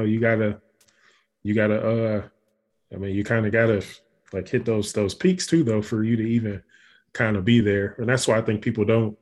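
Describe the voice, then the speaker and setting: A man's voice: on the low side, darkish tone. A man co-hosting a podcast, talking in a loose, rambling way with many restarts. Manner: rambling, frequent restarts and fillers. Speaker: podcast co-host. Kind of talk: casual conversation.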